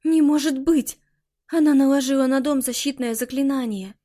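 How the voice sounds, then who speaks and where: Woman doing a frightened teen girl, tearful, breathless, pleading, high and strained. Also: moderate pace, mellow, natural voice. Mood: shocked. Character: frightened teenage girl, sister of missing child.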